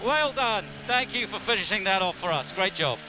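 A man's voice: high voice, expressive, moderate pace. A man speaking as team boss over race car team radio, congratulating his driver in short clipped phrases. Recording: noisy team radio line.

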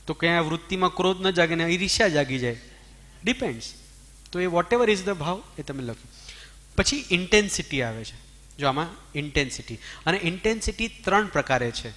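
Animated higher-voiced man teaching. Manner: animated, asks the audience questions, mixes English words. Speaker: spiritual teacher. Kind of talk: Jain discourse to an audience.

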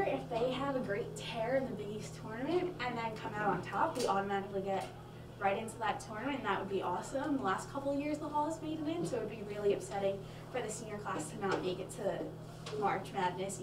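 This young woman, a student sports analyst co-host, speaks fast in a mid-range voice during postgame basketball talk, chatty and full of stats and fillers. The handheld mic is far from her in an echoing small studio with a stadium backdrop, and crowd noise carries behind.

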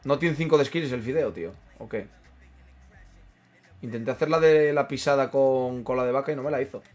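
A man's voice: medium pitch, moderate pace, darkish tone, faint music behind. A man, a gaming streamer chatting casually over a football management game, muttering to himself and reading out chat. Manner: banters, mutters, reads chat aloud. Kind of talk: casual gameplay commentary.

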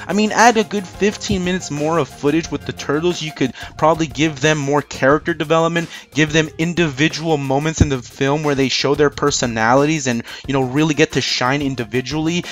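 A man hosting an opinionated countdown commentary, conversational and emphatic with sarcastic asides. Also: fairly high pitch. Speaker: movie review host. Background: music.

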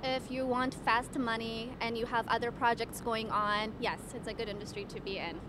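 On a city street, a young Ethiopian waitress answers an interviewer's questions into a handheld microphone he holds, with street noise around them. Her voice is on the high side and steady in tone. She replies in a measured, polite way, sometimes stammering and restarting.

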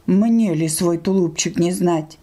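A woman's voice: lowish voice, takes it slowly, mellow, pitched below the performer's own voice. Woman putting on a brash, cocky storybook wolf. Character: cocky male grey wolf, brash and familiar. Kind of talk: storybook character voice in an audio fairy tale.

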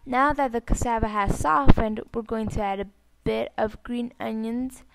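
A woman presents a recipe in plain, step-by-step instructions. Her voice sits slightly high with a creaky edge, and she goes slowly. The sound is dry and close. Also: no room sound. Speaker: host of a cooking channel. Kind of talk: recipe narration.

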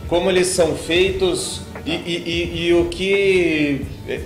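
A man's voice: high-pitched, steady tone, takes it slowly, echoey room, soft background music. A man from Brazil hosting an interview, asking informal questions with some hesitations.

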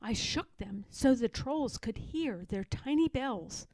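As a storybook reader, this woman narrates a children's picture book expressively, in a voice on the high side that swings widely in pitch. She keeps a slow pace, leaning dramatically on key words, sounding a little mellow in a dry recording.

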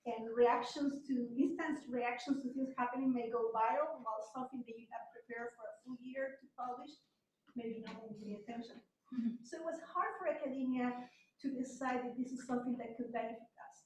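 Speaking a little fast, a Chilean guest speaker with a high voice lectures in a university seminar room, conversational and self-deprecating, now and then laughing lightly. Because the room camera sits far off, her voice comes across roomy and distant over a faint hum.

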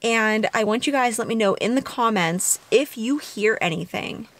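A woman's voice: a little high, lively intonation, normal speed, heavy background noise. A young adult woman hosting a paranormal vlog, talking to her viewers. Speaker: vlog host, paranormal investigator. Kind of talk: vlog talk to viewers, soft-spoken narration. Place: inside a parked car.

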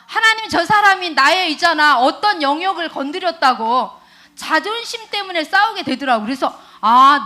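A woman giving a sermon to young children, telling a lively personal story, prompting them to repeat after her and laughing along the way. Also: sits high. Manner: animated storytelling with many tag questions to the children; laughs while telling stories. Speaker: children's worship preacher. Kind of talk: children's sermon with call-and-response.

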